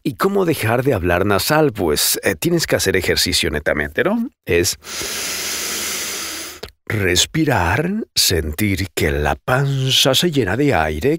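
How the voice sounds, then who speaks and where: A man's voice: lowish voice, fairly bright tone, no room sound, clean studio sound. A man with a cold, hosting a casual podcast and teaching how to breathe and stop sounding nasal, speaking animatedly and demonstrating sounds. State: congested with a cold. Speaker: voice coach podcaster. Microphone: close studio microphone.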